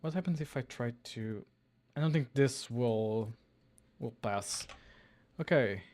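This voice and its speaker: A man's voice: medium pitch, takes it slowly, a little mellow. A man hosting a live coding stream, talking casually with his chat. He chuckles often and trails off mid-sentence.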